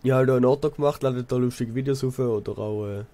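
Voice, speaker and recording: Talking fast in a warm, medium-pitched voice, a young adult from Switzerland with a Swiss German accent chats casually while playing a game. He is an apprentice builder and let's player whose stories meander and repeat.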